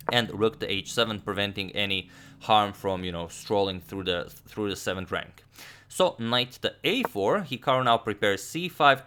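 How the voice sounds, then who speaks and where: A man in his thirties giving chess game commentary, explaining move by move in a halting delivery. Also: sits low, sharp tone, a little hiss or hum. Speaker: chess commentator, channel host. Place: small room indoors.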